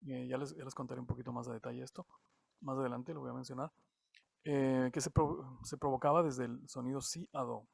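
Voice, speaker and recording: A man from Latin America giving an online music theory lesson, halting and often repeating words as he explains. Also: mid-range voice, steady tone, creaky, slightly rough, no room sound. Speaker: music teacher.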